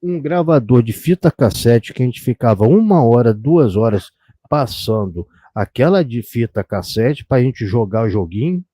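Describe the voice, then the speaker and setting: A middle-aged man with a Brazilian Portuguese accent hosts a casual live stream, chatting and reminiscing in a rambling way. His voice is mellow and dark. The sound is dry and close. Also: mid-range voice, expressive, normal speed, no room sound. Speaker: host.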